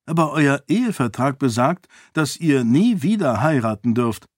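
A man's voice: medium pitch, animated, moderate pace, dry recording, studio quality, voice pushed up, close to an everyday voice. A man reading a shrewd, clever man in an audiobook, speaking dryly and with probing questions.

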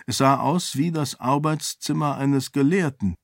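Dry, measured male audiobook narrator. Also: mid-range voice, no echo. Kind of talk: scripted narration.

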